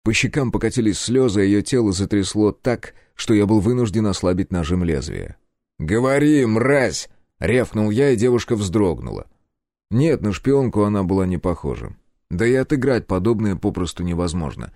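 A man narrating a first-person audiobook in a grim, deliberate, menacing way. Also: on the low side, very animated, dark tone, dry recording, studio quality.

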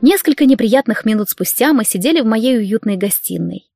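A woman narrating an audiobook in the first person, with lively, wry storytelling. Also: on the high side, fairly quick, vocal fry, faint music behind.

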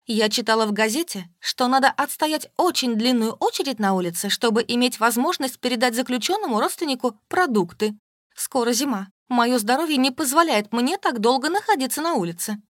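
A woman's voice: on the high side, animated, no echo, studio quality, voice pushed up. Woman doing a nagging, self-pitying old mother. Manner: reproachful, whining, rapid complaining.

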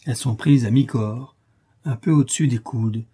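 A man narrating an adventure novel as an audiobook in a steady, dramatic storytelling manner. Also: mid-range voice, normal speed, slightly rough.

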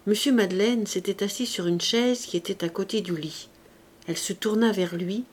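A woman reading a classic novel aloud as an audiobook, in a calm, careful way. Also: mid-range voice, moderate pace, breathy edge. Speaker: audiobook reader. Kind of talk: literary audiobook narration.

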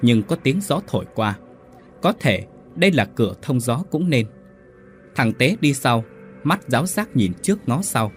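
A man narrating a ghost story in a suspenseful, expressive scripted style. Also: mid-range voice, unhurried, faint music behind.

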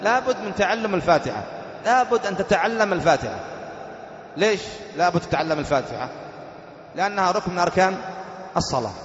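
A man's voice: high-pitched, lively intonation, a bit bright. Man teaching in an echoey hall. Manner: explains step by step, repeating key points; slows to recite Quran verses with careful stress. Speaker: sheikh teaching fiqh. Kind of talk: religious lesson. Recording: echoey hall, dull lo-fi sound.

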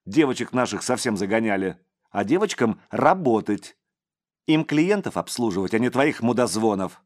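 A man's voice: fairly low pitch, expressive, moderate pace, a little mellow, pitched above the performer's own voice, lightly acted. A man voicing a domineering middle-aged crime boss who barks out scolding commands.

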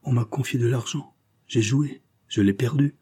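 A man's voice: mid-range voice, normal speed, dark tone, husky, natural voice. A man reading aloud, voicing a remorseful young man who confesses his faults to his mother with heated emotion. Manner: emotional and self-accusing.

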